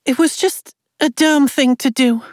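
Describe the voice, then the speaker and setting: A woman's voice: high-pitched, measured pace, no echo, clean studio sound, voice pushed up. A woman reading an audiobook and voicing a frightened, injured young woman who pleads through tears after a car crash. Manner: tearful, pleading.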